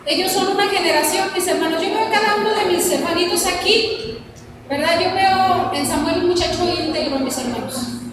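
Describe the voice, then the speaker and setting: A woman's voice: extremely high pitch, moderate pace. A middle-aged woman preaching an earnest, exhorting sermon to her congregation. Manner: earnest, exhorting, addresses congregation as "mis hermanos". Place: church hall. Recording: echoey church hall mic from far off with noise.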